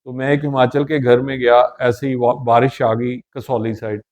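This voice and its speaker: A man's voice: mid-range voice, little pitch movement, moderate pace, a little mellow. A middle-aged man speaking as a guest in a casual interview, telling his views in an earnest, reflective way. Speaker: podcast guest.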